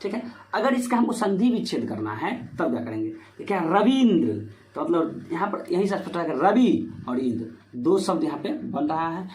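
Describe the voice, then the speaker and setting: A man's voice: fairly high pitch, very animated, moderate pace, darkish tone. A man teaching Hindi grammar for board exams, asking himself questions and filling with "ठीक है" as he explains step by step. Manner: repetitive rhetorical questions, "ठीक है" fillers. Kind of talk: board-exam grammar lesson. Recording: echoey room with faint noise.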